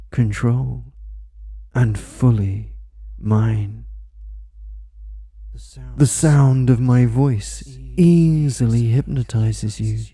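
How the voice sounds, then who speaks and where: A hypnosis audio creator reads a dominant, repetitive, commanding script at a very slow, deliberate pace. His voice is deeply dark and mellow at an ordinary pitch, captured close and dry with no room sound.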